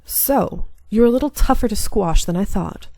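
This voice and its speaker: A woman's voice: mid-range voice, lively intonation, normal speed, creaky, warm tone, no echo. A woman voicing an arrogant male demon lord who taunts and threatens in a menacing tone, reading a visual novel. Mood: taunting.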